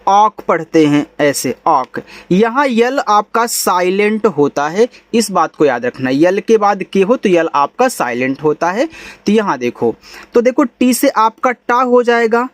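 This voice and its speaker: A man's voice: high voice, sing-song, a little slow. A young adult man teaching a lesson step by step, patiently repeating points and checking in with his listeners. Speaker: English teacher.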